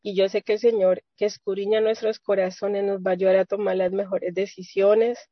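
A woman's voice: medium pitch, flat delivery, moderate pace, no room sound. A woman sharing an earnest, rambling faith testimony with women of her church on a video call, with many restarts. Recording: dull lo-fi video call audio.

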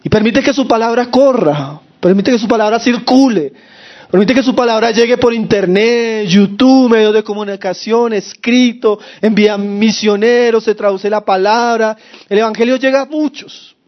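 A man with a high voice preaches to his congregation, his throat sore so he keeps from shouting. He leans on rhetorical questions and keeps calling the listeners brothers. The recording sounds dull and lo-fi. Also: normal speed. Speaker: pastor. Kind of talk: sermon.

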